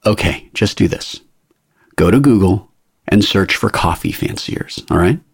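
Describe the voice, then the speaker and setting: A man's voice: sits low, lively intonation, a little slow, slightly rough, dry recording, studio quality, exaggerated voice. A man voicing a harried male traveler who protests in a flustered way.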